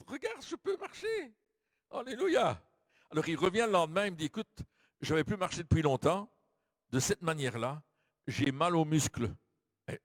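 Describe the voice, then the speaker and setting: A middle-aged man preaching a lively sermon, telling stories and acting out the voices of the people in them, with frequent fillers. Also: a little high. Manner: animated, acts out quoted voices, frequent fillers. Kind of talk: sermon with storytelling. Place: large hall. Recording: dry close mic with long hall reverb.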